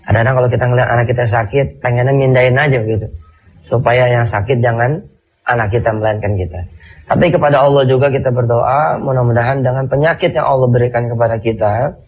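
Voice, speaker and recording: A man's voice: mid-range voice, fast, slightly rough. A man with an Indonesian accent gives an informal sermon to viewers at home. His voice is nasal and congested, as with a stuffy cold. He restates key phrases to drive them in, and the recording sounds dull and muffled. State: congested with flu, clearing throat. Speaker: Islamic preacher addressing TV viewers. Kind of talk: conversational televised sermon with Quran recitation.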